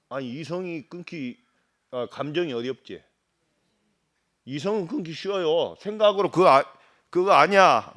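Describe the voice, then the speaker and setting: In a medium-pitched voice, a middle-aged monk gives a dharma talk in which he asks his audience questions and mimics regional dialects. He swings between emphatic loud passages and quiet asides.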